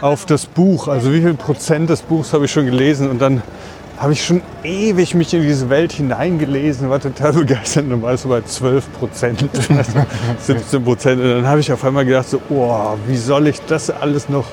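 A man's voice: medium pitch, fairly even intonation. Man thinking aloud on a noisy city walk. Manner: halting, thinking aloud while walking. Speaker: podcast co-host. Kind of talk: casual chat, presenting a topic. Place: outdoors on a city street along a tram line. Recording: clear street and vehicle noise behind.

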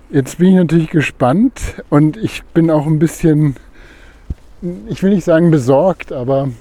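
A man's voice: fairly high pitch, warm tone. A male podcast co-host chatting casually and jokingly while walking outdoors at night. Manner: jokey, rambling, laughs easily. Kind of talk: casual conversation. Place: outdoors, walking through a foggy park at night.

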